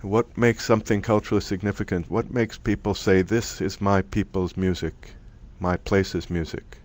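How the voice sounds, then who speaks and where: Man, middle-aged, low pitch; relaxed lecturer who talks off the cuff with restarts. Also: moderate pace. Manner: conversational, thinks aloud with restarts. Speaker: presenter from a music archive. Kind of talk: online lecture presentation.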